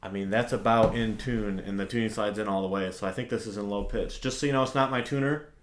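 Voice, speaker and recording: A young man giving a casual, relaxed review of a trumpet, with lots of fillers like "like" and "um". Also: lowish voice, fast talker, echoey room, a little hiss or hum.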